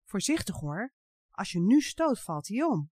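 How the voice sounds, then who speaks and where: A woman voicing a careful, sensitive little girl in a children's storybook, speaking softly and protesting when blamed. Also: medium pitch, very animated, a little slow, dry recording, clean studio sound. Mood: gentle.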